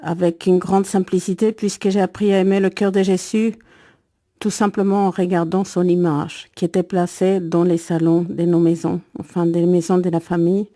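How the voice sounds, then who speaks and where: Low, mellow woman. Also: level tone, no echo, clean studio sound. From El Salvador. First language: Spanish. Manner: earnest, reflective, storytelling with pauses. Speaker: guest giving a faith testimony. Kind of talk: personal testimony in an interview.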